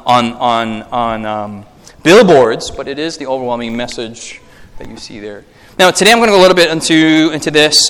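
A man's voice: mid-range voice, big-room sound. A man preaching as a pastor in a conversational way, checking in with the listeners often and acting out voices in his stories. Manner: conversational preaching with frequent audience check-ins; animated, acts out voices in anecdotes. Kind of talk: sermon.

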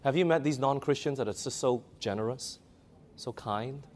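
A man's voice: medium pitch, normal speed, a little mellow. A man preaching a sermon, emphatic, asking the audience questions and reading scripture aloud.

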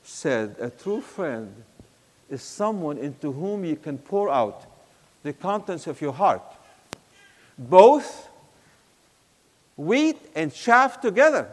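A man's voice: on the high side, very animated, slow pace, pauses often. Syrian-accented older man preaching in a hall. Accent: Syrian Arabic. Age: 60s. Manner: storytelling, swings between loud emphasis and soft hush. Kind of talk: sermon.

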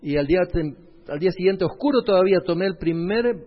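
Man, pastor telling his story, slightly high voice, long hall reverb, dull lo-fi sound. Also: lively intonation, quick pace. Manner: storytelling, addresses the audience directly. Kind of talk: personal testimony in a sermon.

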